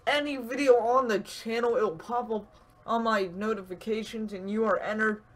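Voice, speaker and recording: A man's voice: high voice, moderate pace. A man hosting a gaming channel, giving casual, rambling pack-opening commentary with lots of fillers. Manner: relaxed, rambling, frequent fillers.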